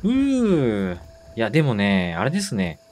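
Excitable man narrating his gameplay. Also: medium pitch, a little slow, slight background noise. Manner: excitable, talks to himself, repeats words in bursts. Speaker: game streamer. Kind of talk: let's-play commentary.

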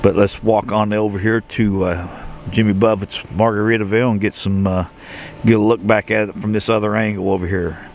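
A man's voice: lowish voice, flat delivery, brisk, few pauses, slight background noise. A man giving a casual walking-tour commentary outdoors, rambling with many fillers and restarts. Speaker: travel vlogger. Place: outdoors at a shopping and entertainment complex.

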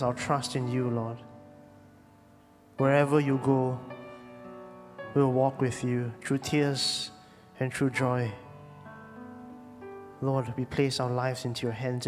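A male pastor leading prayer and the communion liturgy in a measured, reverent voice, heard with a long cathedral-like echo. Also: mid-range voice, darkish tone. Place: church sanctuary. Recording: long echoing hall reverb.

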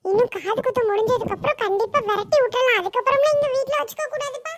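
A woman playing a young girl who sticks up for her cousin, pleading and arguing in a very high Kanyakumari Tamil voice. Cartoon voice work, reasonable and protective. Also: very fast. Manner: pleading, argumentative. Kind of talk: cartoon voice acting.

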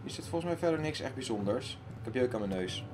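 A man's voice: medium pitch, expressive, fast, background noise. Jumpy man narrating his gameplay. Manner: jumpy, loudly panicking, talks to himself. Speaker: let's play host. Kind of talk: casual gaming commentary.

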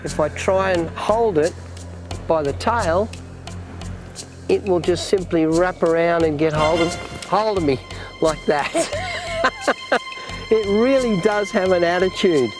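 A man's voice: sits high, measured pace, over music. A man in his fifties with an Australian accent, presenting a wildlife documentary outdoors in a dramatic, emphatic, marvelling manner. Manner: dramatic, emphatic, marvelling, often breaking off to address the animal. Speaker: wildlife show host.

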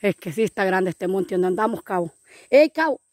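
A woman's voice: on the low side, fairly even intonation, brisk, darkish tone. A woman joking outdoors in brush, playing a bossy, teasing commander in an improvised skit. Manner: bossy, teasing, tells jokes. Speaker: vlogger playing a jungle commander.

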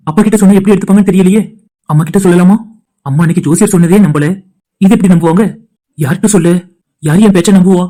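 Casting: man doing a fast-talking anxious dad in a cartoon, fretting aloud. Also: sits high, warm tone. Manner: anxious, talks to himself. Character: worried father of a lost daughter. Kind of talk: cartoon voice acting.

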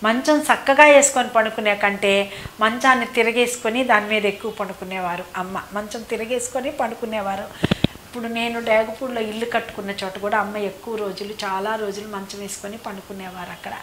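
A woman's voice: mid-range voice, fairly even intonation, fairly quick, background noise. A woman recounting memories in a rambling, repetitive storytelling way, often circling back over her phrases. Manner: rambling, repeats phrases, fills with "annamaata". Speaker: devotee recounting memories of a saint. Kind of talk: reminiscing oral storytelling. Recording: echoey room.

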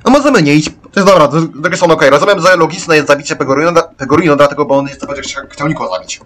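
A man doing let's-play gameplay commentary, ranting excitably and yelling at the characters. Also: a little high, fast.

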